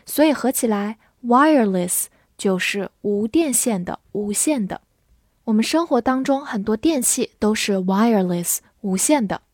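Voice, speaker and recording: A woman teaches English words at an unhurried pace, spelling them letter by letter and reading example sentences slowly. Her voice sits a little high. The recording is dry and close, with no room sound. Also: animated, darkish tone, no echo. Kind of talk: vocabulary lesson.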